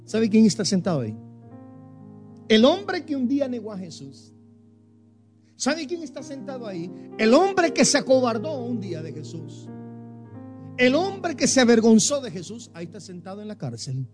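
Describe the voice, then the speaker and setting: A man preaching a sermon, emphatic, with big swings in pitch and loudness as he stresses points. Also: sing-song, normal speed, long pauses, soft background music. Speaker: pastor.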